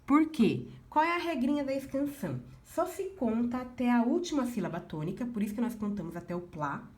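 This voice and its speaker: A woman's voice: fairly high pitch, big pitch swings, fairly quick, a little mellow. A woman teacher with a Brazilian Portuguese accent, patiently going through exercise answers for her class and dropping in frequent little check-ins with the students. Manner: patient, uses many fillers like "né" and "ó". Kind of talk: recorded class lesson, explaining exercises.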